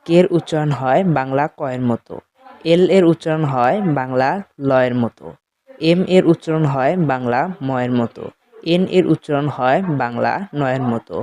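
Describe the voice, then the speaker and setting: Slow-explaining Bengali-accented male teacher. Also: mid-range voice, a little mellow. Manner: slow, explanatory, addresses students directly. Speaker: English teacher. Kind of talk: spoken lesson.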